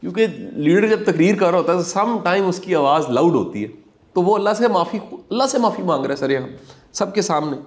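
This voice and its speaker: This motivational speaker is a middle-aged man whose expressive voice sits high. His reflective talk has an earnest, sermon-like quality, and he repeats important lines to drive them home.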